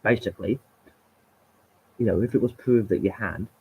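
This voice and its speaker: A man's voice: on the low side, moderate pace, gravelly, breathy edge, narrow, tinny audio. A man hosting a live stream and ranting in a heated, emphatic, sweary monologue.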